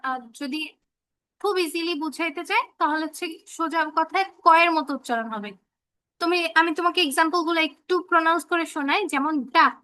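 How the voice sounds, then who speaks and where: A woman's voice: very high voice, sharp tone, no echo. A woman teaching children English phonics in an online class, patiently repeating example words and checking that they follow.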